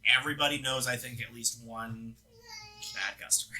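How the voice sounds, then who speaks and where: A man's voice: medium pitch, steady tone, normal speed, bright, forceful tone, rough recording. A young man, co-owner of a gaming lounge, talking casually about business plans, with loose chatty phrasing full of fillers and restarts. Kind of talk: casual business update chat.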